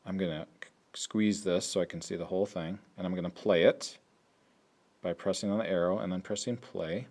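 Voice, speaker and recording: A man's voice: deep voice, steady tone, moderate pace, darkish tone. A man explaining an app step by step in a tutorial, thinking aloud as he works. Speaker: teacher. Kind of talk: screen-recorded app tutorial.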